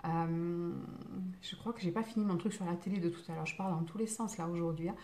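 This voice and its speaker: A woman's voice: on the low side, steady tone, fast, dark tone. A woman hosting a live stream as a spiritual medium, talking casually and answering viewer comments, with many fillers, restarts and digressions in a reassuring tone. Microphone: phone.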